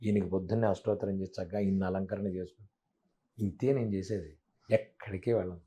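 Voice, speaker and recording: A man's voice: deep voice, steady tone, fairly quick, mellow, breathy edge. A man speaking as a spiritual teacher in a devotional interview, emphatic and preachy, asking many rhetorical questions.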